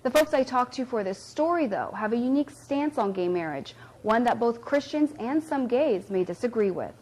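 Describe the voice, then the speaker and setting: Female reporter, clear even delivery, slightly high pitch. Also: normal speed, low-quality recording. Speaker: TV news reporter. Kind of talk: live news report.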